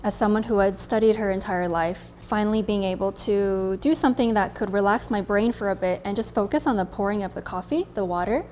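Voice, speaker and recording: She's a twenty-something coffee creator and barista from California, sharing her personal story casually and reflectively for the camera in an American accent. Her voice is medium-pitched and a little mellow, moving fairly quickly with few pauses, and there's slight background noise.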